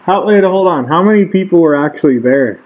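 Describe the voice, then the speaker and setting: A man's voice: a little high, expressive, brisk. A man co-hosting a casual podcast, reacting with amused questions and swearing. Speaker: podcast co-host. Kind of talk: casual chat. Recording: dull lo-fi sound.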